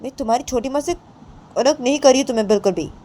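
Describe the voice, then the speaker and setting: A woman voicing a stubborn young woman who retorts defiantly in a raised, high voice. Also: unhurried, darkish tone.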